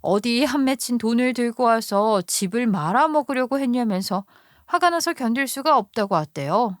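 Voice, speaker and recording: A woman's voice: a little high, lively intonation, normal speed, no echo, clean studio sound. A woman narrating a listener's true story in the first person, emotional and indignant, for a story radio channel.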